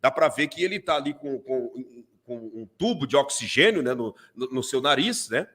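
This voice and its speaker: Brazilian pastor narrating a clip. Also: male voice, mid-range voice, normal speed. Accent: Brazilian Portuguese. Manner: animated, repetitive fillers. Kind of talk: live-stream commentary on video clips.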